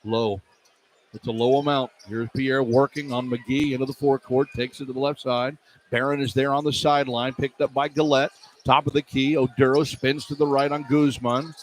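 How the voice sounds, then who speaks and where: A man with a mid-range voice speaks at a moderate pace in a level tone. He's a radio play-by-play announcer calling live basketball courtside in clipped, running phrases. The live arena broadcast carries clear background noise and arena ambience.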